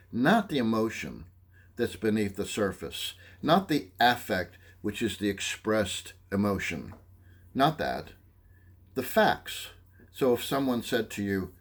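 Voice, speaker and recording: Lively male psychology lecturer. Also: fairly low pitch, breathy edge. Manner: checks in often with "okay?"; animated, acts out examples. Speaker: psychology instructor.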